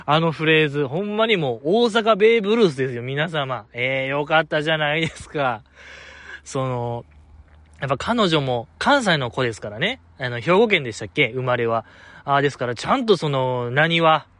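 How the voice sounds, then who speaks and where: Lively Kansai man chatting on a podcast. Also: on the high side, dry recording. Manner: chatty, animated, laughs often, digresses. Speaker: podcast host. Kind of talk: casual solo podcast chat.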